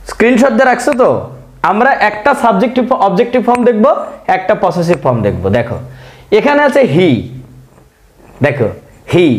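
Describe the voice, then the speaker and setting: A man teaching spoken English in Bengali, coaxing his viewers with repeated questions. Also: high voice. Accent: Bangladeshi Bengali.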